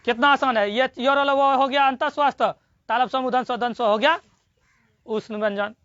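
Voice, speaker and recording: High, bright-voiced teacher drilling a class. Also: fairly even intonation, no echo. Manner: drills students with repeated questions and answers; slow, sounds out syllables. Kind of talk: classroom grammar lesson. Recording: dull lo-fi recording.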